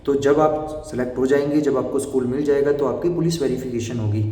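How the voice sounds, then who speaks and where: A young man giving fast, direct advice to job interview candidates in an instructive explainer style. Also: mid-range voice, dark tone. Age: young adult. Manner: brisk and instructive, addresses viewers directly. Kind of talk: explainer video talk. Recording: echoey room, voice from far off the mic.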